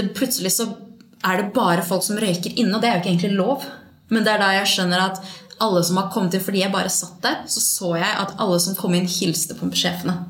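A woman's voice: medium pitch, fairly bright tone. Scandinavian woman telling a story in an echoey room. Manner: mixes Norwegian and Swedish words, tells the story with quoted dialogue and English slang. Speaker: podcast guest, stripper and entrepreneur. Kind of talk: casual storytelling in a podcast interview.

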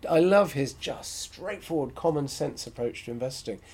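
A man's voice: fairly high pitch, expressive, moderate pace, darkish tone, husky. A man hosting a solo podcast, talking frankly and with strong opinions as he thinks aloud. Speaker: podcast host.

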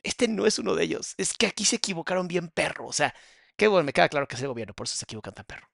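A man with a Mexican accent mocks a video in crude, sarcastic commentary. His voice sits a bit high and rasps with gravel, and it sounds dry and close. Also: sing-song, very fast, a bit bright, no echo. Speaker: psychologist reacting to a video.

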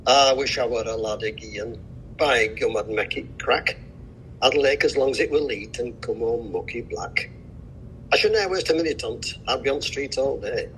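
An older man from Yorkshire with a broad Yorkshire accent, slowly reciting a dialect poem aloud. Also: medium pitch, a bit bright, a little hiss or hum, rough recording. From Yorkshire, England. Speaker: dialect society chairman.

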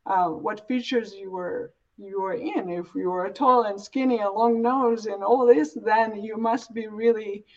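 A woman born and raised in Uganda, East Africa, speaks as an interview guest in a mid-range voice at a measured pace, hardly pausing. Her talk is reflective and earnest, emphatic, built up through repeated phrases. The audio is dull and lo-fi.

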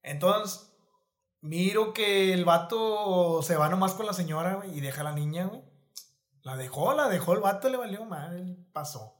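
A man tells stories in casual chat. His voice sits high, and he talks in an animated, slangy way, acting out what people said. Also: moderate pace. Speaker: podcast guest. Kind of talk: casual storytelling.

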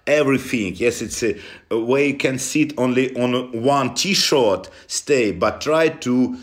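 A man with a Russian accent answering interview questions in halting non-native English, often dropping articles. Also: medium pitch. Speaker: interview guest from a football club.

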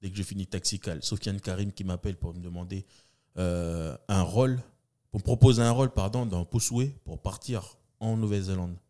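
A man's voice: steady tone, a little fast, dark tone. A man, a comedian and entertainer telling stories from his career as a guest, slipping into other people's voices as he goes. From New Caledonia. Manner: acts out voices in his anecdotes, swinging pitch widely. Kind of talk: animated storytelling.

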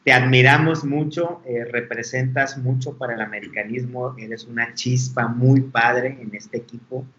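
A man's voice: medium pitch, steady tone, moderate pace, a bit bright. A middle-aged man with a Mexican accent co-hosting a casual interview, effusive and full of compliments. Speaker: co-host. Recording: dull lo-fi audio.

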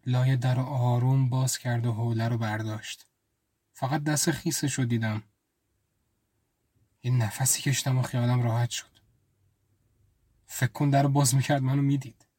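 A man's voice: mid-range voice, little pitch movement, long pauses, darkish tone, slightly rough, no room sound. A man telling a first-person story as an intimate, reflective inner monologue, close to the mic. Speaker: storyteller and writer.

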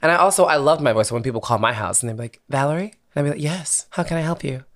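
This young man speaks very fast in a fairly high, expressive voice with a bit of brightness. A singer-songwriter from Philadelphia, he's being interviewed and comes across candid and laid-back, laughing easily and swearing from time to time.

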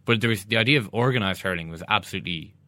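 A man from the west of Ireland, with the accent to match, talks sport in a casual, emphatic way. His voice is fairly low with a crisp, forward edge, recorded very dry. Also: rapid-fire, pushed and bright, dry recording. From Galway, west of Ireland. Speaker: sports podcast co-host.

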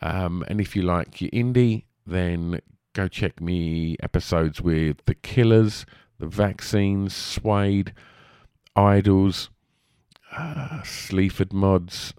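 A man's voice: deep voice, takes it slowly, darkish tone, smooth, no echo, clean studio sound. A man with an Essex accent and a lisp, hosting a podcast in a rambling, chatty, casual way. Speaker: podcast host.

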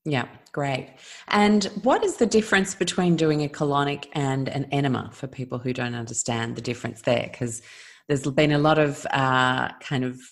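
A woman's voice: very deep voice, normal speed. A woman hosting a health podcast, asking thoughtful, slightly hesitant questions. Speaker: podcast host. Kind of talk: interview questions.

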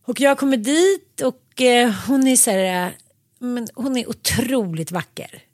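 A chatty woman from Sweden recounts a story, bouncing into quoted voices and laughing along the way. Her voice sits fairly high, and it is recorded dry and close, with no room sound. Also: no echo. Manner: animated, acts out quoted dialogue with laughs. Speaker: podcast co-host. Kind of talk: casual storytelling chat.

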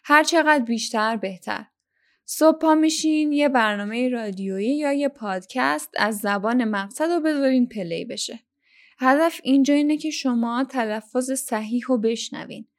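A young Iranian woman hosting a language-learning podcast, talking listeners through tips in a clear, instructive way. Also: high-pitched. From Iran. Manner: instructive, addresses listeners directly. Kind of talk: scripted podcast lesson.

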